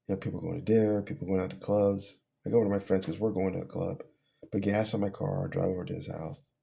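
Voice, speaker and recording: A man's voice: deep voice, gravelly, mellow. A middle-aged man casually telling a personal testimony, rambling and laughing between phrases as he trails off. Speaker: storyteller.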